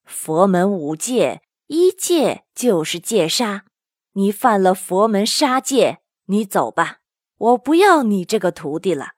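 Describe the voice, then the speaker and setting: A woman voicing a stern but gentle old monk master who chides slowly and gravely. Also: medium pitch, big pitch swings, no room sound, studio quality. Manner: slow, grave and chiding.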